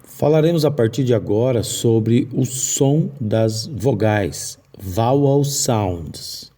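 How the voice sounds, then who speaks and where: A man's voice: medium pitch, slow, mellow. A man teaching English pronunciation to Portuguese speakers in a video lesson, explaining patiently and drawing out example words.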